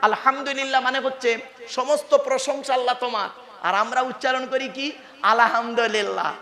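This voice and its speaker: A man's voice: extremely high pitch, steady tone, normal speed, sharp tone, roomy sound. A male Islamic preacher from West Bengal giving a waz sermon to a crowd, calling on listeners to answer and slipping English words into his talk. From West Bengal, India. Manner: calls on the crowd to answer, mixes in English words, jokes about mispronunciation.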